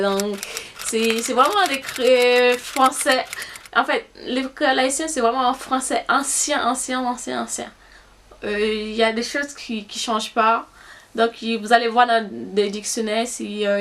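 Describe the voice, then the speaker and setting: There's slight background noise as this young adult YouTuber from Haiti talks to camera in a casual way, mulling over her answers to questions out loud. Her voice is a little high and fairly bright, and her accent reflects her native Haitian Creole.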